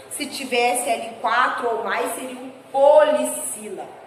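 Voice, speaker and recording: A woman with a Brazilian Portuguese accent teaching a class of young children, who slows down and stresses words as she reads sentences aloud. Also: high-pitched, a little hiss or hum. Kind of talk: recorded class lesson for children. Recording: echoey room with faint ambience.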